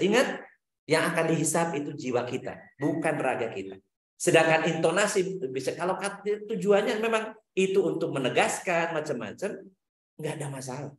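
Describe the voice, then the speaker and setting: Animated preacher man in an echoey room. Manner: animated storytelling, swinging pitch, Arabic recitation. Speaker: Islamic preacher. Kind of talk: religious lecture answering questions.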